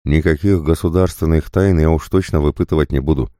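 A man's voice: extremely low pitch, fairly quick, warm tone, dry recording, clean studio sound. A man voicing a wry young policeman.

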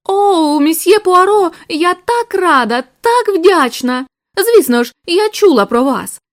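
A woman's voice: extremely high pitch, fairly quick, a little mellow, no room sound, studio quality, voice pushed up. A woman reading the lines of a nervous, restless wife in an audiobook, in an effusive, gushing way.

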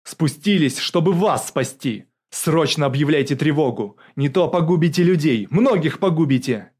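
A man voicing a desperate male special forces officer who shouts urgent orders. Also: mid-range voice, fairly even intonation, moderate pace, lightly acted. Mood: urgent, shouting.

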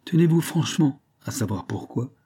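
A man voicing a blunt, ironic old bearded peasant, speaking gruffly and plainly in an audiobook. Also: medium pitch, lively intonation, normal speed, mellow, voice pushed up.

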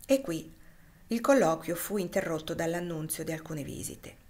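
A woman reading a classic novel aloud as an audiobook, in a measured, expressive narration. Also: fairly low pitch. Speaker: reader.

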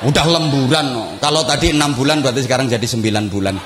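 A man preaching a humorous sermon to a crowd, animated, acting out sound effects and firing questions at the audience. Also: medium pitch, fast talker, background noise. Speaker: preacher at a public religious gathering.

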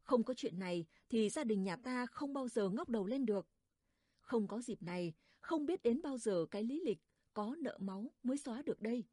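A woman's voice: on the high side, expressive, normal speed, dark tone, dry recording, clean studio sound. A woman voicing a dutiful young village daughter who speaks earnestly and with resolve in a storybook reading. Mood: resolute.

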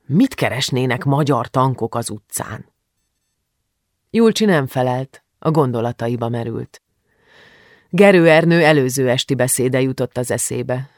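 An audiobook narrator reading a novel in a calm, measured way. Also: mid-range voice, no echo, studio quality. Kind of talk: scripted narration.

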